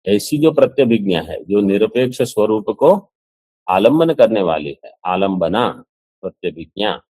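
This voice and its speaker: Man, teacher, scripture lesson, very slow, dry close sound, asks questions as he explains. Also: on the low side, expressive, dark tone, no room sound. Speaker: Vedanta teacher.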